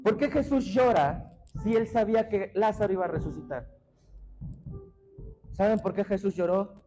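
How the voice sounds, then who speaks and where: A man preaching a sermon as pastor in a church, impassioned and often shouting to the congregation. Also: sits high, poor audio. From Mexico. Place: church sanctuary.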